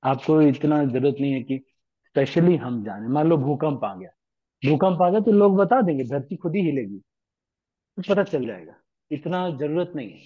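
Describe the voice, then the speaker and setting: A man leads a devotional scripture class, his voice sitting a little high for a man. He talks in a relaxed, everyday way and keeps asking his listeners rhetorical questions. The recording is muffled and lo-fi. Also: normal speed. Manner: conversational, asks rhetorical questions. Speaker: lecturer on scripture. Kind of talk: devotional Hindi lecture.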